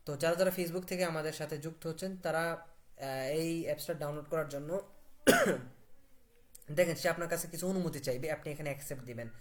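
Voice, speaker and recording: A man's voice: a little high, normal speed, pauses often. A man teaching Italian in a live online class. He asks the class questions, answers them himself and repeats words for stress.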